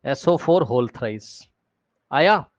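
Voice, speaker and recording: A male teacher with a medium-pitched voice gives an energetic live online class lecture, rapidly repeating words to prod students and coaxing them with questions. The audio is dull and dry, with no echo.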